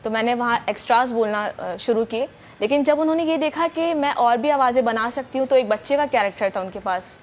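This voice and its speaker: A woman's voice: a little high, a little hiss or hum. A young woman from Pakistan, a voice-over artist, chatting eagerly in a morning show interview with many fillers. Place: TV studio.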